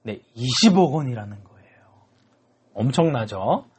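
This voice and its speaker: A man giving a children's sermon, telling the story in an animated way and constantly checking in with the kids. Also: mid-range voice, a little slow, breathy edge. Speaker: children's ministry preacher.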